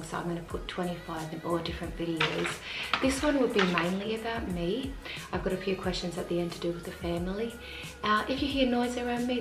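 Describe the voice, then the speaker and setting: A woman, speaking at an ordinary pitch in a casual vlog. She reads each question aloud, then answers it plainly and matter-of-factly. The room is echoey, with faint music playing underneath. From Australia. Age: 40s. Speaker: family vlogger. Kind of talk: casual Q&A to camera. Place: family home with children nearby.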